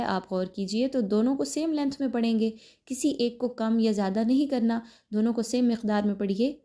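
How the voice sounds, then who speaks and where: A woman with an Urdu accent teaching Quran recitation, explaining the rules step by step and pausing to check that listeners have understood. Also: medium pitch, darkish tone. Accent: Pakistani Urdu. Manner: explains step by step, then recites slowly and drawn out; checks understanding with repeated "clear?". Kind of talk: recorded recitation lesson.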